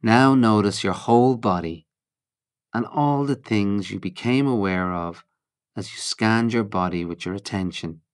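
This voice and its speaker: A man with a fairly low pitch narrates a guided meditation on mindfulness, pausing often between short phrases in a calm, measured, instructional manner.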